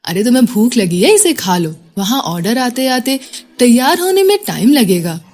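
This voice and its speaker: A woman's voice: a little high, normal speed. Laid-back young male student, read by a female narrator, dryly joking. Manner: calm, joking.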